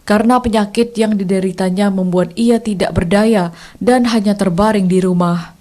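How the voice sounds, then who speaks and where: Woman, news anchor, formal scripted reading, mellow warm voice. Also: medium pitch, fairly even intonation. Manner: formal, measured newsreading.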